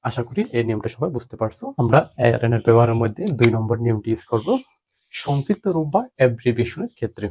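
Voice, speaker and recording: A man's voice: mid-range voice, very fast, darkish tone, lo-fi sound, slight background noise. A man teaching a grammar lesson, asking questions and answering them himself.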